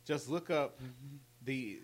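A man in his late thirties, a podcast co-host, chats casually in an animated, medium-pitched voice at a slow pace. His allergies leave him stuffy, with a congested nose, and he rambles and repeats himself as he goes.

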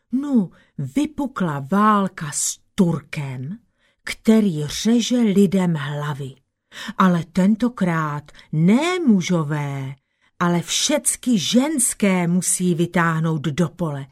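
A crafty peasant husband from a spoken folk tale, read by a woman, who talks in a hushed, half-whispered, coaxing way. He sounds calm and knowing, close to a plain storytelling voice. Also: on the low side. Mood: scheming. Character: sly, clever peasant husband, teasing and calm.

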